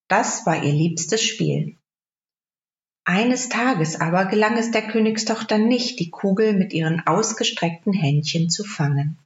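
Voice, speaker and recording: Woman reading a fairy tale aloud. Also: mid-range voice. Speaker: storyteller. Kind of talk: fairy-tale storybook narration. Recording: roomy, dull lo-fi recording.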